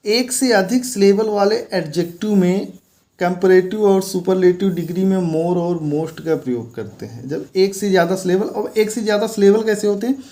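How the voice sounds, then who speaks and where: A man's voice: sits high, moderate pace, dark tone. A man teaching an English grammar lesson, explaining patiently and repeating key words as he points things out on a board.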